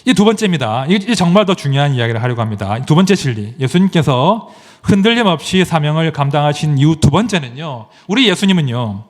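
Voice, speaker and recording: Animated high-voiced male pastor preaching. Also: fairly quick. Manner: animated storytelling, asks the congregation questions. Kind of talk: sermon.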